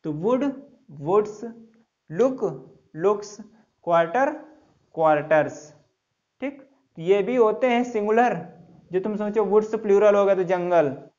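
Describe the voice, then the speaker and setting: Guy teaching english in class, high voice, spells words out, asks then answers himself, kinda dull lo-fi sound. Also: slow, long pauses, darkish tone. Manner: repeats answers in call-and-response drilling. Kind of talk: classroom lesson.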